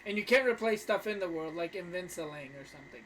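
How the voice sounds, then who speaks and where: A man's voice: high voice, lively intonation, quick pace, crowd noise. A young man co-hosting a podcast in casual, slangy chat, laughing often. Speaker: podcast co-host.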